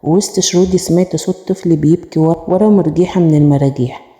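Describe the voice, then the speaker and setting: A woman with an Egyptian accent narrating a first-person horror story in a brisk, plaintive way. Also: low voice, warm tone. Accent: Egyptian Arabic. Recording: echoey room with long reverb.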